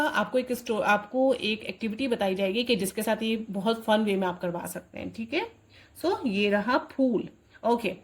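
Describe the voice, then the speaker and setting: Woman, homeschooling parent teaching a lesson, voice slightly high, checks in often, repeats words slowly. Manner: checks in often with a rising question; says sample words slowly and with force, repeating them. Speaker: homeschooling mom teaching Urdu writing. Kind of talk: instructional tutorial addressing parents.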